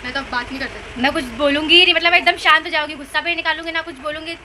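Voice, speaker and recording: A young woman with a high, very bright voice talks fast and animatedly in a casual family vlog chat. Faint household noise sits behind her. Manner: animated, laughs while telling stories. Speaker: vlogger, eldest sister.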